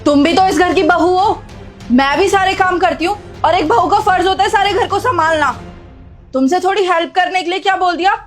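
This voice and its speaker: A woman's voice: very high voice, a little fast, soft background music. A woman acting an indignant elder sister-in-law. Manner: complaining, indignant. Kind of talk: amateur family drama acting.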